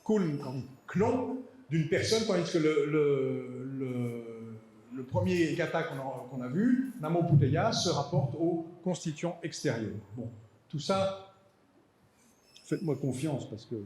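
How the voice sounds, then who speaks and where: Guy giving a lecture, fairly high voice, stumbles and repeats words a lot, echoey hall sound. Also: a little mellow. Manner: hesitant, repeats words, dry asides. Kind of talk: academic lecture.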